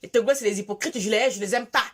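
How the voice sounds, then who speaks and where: A vlogger from Gabon with a Gabonese French accent races through an impassioned, scolding monologue aimed at her viewers. Her voice is a little high with a breathy edge, and she repeats phrases for emphasis.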